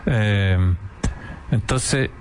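A man's voice: fairly low pitch, drawn-out words, a little hiss or hum. A man with a Chilean accent hosting a conversational interview, talking in an enthusiastic, emphatic, rambling way.

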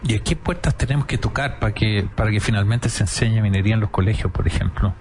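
A man's voice: fairly low pitch, quick pace, darkish tone. Chilean male host, enthusiastic and emphatic, with light background noise. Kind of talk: conversational interview.

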